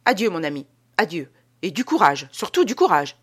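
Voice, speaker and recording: A woman's voice: on the low side, sing-song, normal speed, husky. A woman voicing an agitated, anxious man who speaks in emphatic exclamations in an audiobook reading. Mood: agitated urgent. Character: anxious middle-aged Parisian man, Adolphe.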